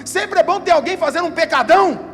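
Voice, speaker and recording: A man's voice: very high voice, lively intonation, quick pace, fairly bright tone. A male pastor, preaching an emphatic sermon at a church service, asking rhetorical questions and acting out quotes. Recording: reverberant church hall with music behind.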